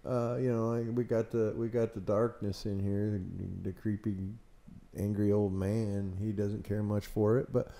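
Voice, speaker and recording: Hesitant low-voiced man guest. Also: flat delivery, dark tone. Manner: hesitant, halting, with many "uh"s. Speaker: paranormal investigator, guest. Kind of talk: casual interview. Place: indoor room of an old school building.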